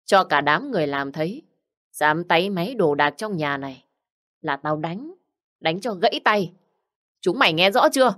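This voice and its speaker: A woman's voice: fairly low pitch, animated, normal speed, pauses often, a bit bright. A woman voicing a spoiled, spiteful young woman who accuses and demands punishment. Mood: accusing.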